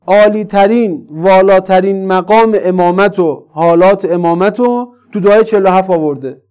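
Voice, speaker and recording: Fervent preaching man, fairly high voice. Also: a little mellow. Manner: earnest, rising to emphatic exhortation. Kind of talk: religious sermon.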